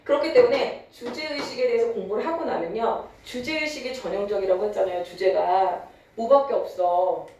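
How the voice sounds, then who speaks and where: A woman's voice: mid-range voice, fairly quick, warm tone, very echoey, far from the mic. A young woman teaching a literature lecture, chatty and teasing, mixing casual and polite speech. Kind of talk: online lecture.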